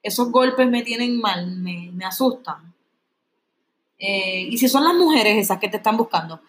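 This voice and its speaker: A woman's voice: medium pitch, expressive, measured pace, fairly bright tone. Catalinón, a woman doing a jittery cowardly servant. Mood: frightened. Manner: whiny, pleading, rambling questions. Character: frightened comic male servant, jittery coward.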